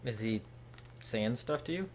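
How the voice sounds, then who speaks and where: A man's voice: mid-range voice, animated, a little slow. A young man hosting a live stream, chatting casually and talking straight to viewers by name.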